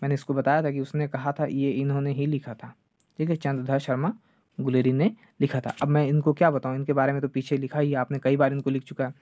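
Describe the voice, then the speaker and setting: A male teacher giving an online exam-prep lecture, checking "clear?" over and over and slowing down to drill names. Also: medium pitch, level tone, mellow, no echo. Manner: repeats "ठीक है" and "clear है" often, drills names slowly. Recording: dull lo-fi dry sound.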